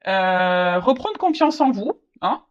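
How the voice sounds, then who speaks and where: Woman tarot reader talking straight to the viewer, hesitant and repetitive, mid-pitched, muffled home recording. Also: sing-song. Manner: halting, repeats words, many fillers; speaks directly to the viewer. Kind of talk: casual tarot reading to camera. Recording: slightly dull lo-fi audio.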